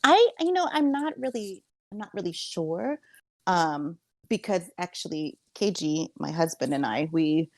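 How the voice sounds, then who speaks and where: A young woman guest chats in a friendly, giggly way, and her voice sits low for a woman. The recording is dry and close, with no room sound around her. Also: expressive, a little slow, darkish tone, no room sound. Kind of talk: casual chat.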